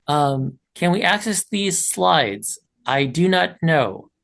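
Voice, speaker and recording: Man losing his voice, gravelly. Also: fairly high pitch, very animated, slow pace, a bit bright. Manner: encouraging, practical advice with asides. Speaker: leadership trainer. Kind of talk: online training presentation. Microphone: video call.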